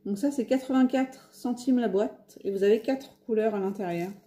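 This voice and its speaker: This haul video features a French woman at home by a window, chatting casually about her craft purchases with plenty of hesitations and fillers. Her voice is a little high and mellow, at a moderate pace.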